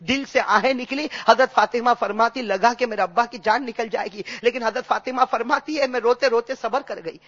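A man delivers a fervent sermon in a very high, ringing, bright voice. He presses his listeners with repeated calls, surging into shouts before sinking back to urgent, low appeals. The recording is dull and lo-fi. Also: a little fast, few pauses. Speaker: maulana preaching to a congregation. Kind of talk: impassioned sermon.

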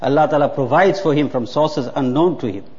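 A man's voice: a little high, a little fast, a little mellow. A man, preaching a sermon earnestly and repeating words for emphasis. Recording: muffled hall with long reverb.

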